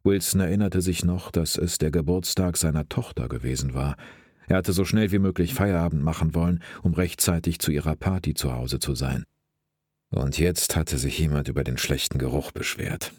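A man reading a crime story aloud in a steady, measured narration. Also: extremely low pitch, breathy edge, dry recording, clean studio sound. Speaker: audiobook narrator.

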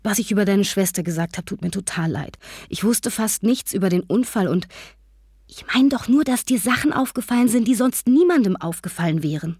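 A woman voicing a lively, secretive teenage girl who talks in an eager, confiding way. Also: medium pitch, brisk, breathy edge, no echo, clean studio sound, voice pushed up. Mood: earnest.

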